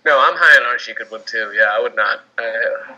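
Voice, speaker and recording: A man on a casual podcast who jokes around and laughs often. His voice is very bright with a husky edge. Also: medium pitch, lo-fi sound. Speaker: podcast co-host.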